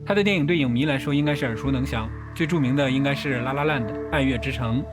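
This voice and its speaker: A man's voice: mid-range voice, fast, music in the background. A man hosting a film analysis video, talking through each shot step by step in a methodical, explanatory way. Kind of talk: explanatory film breakdown narration.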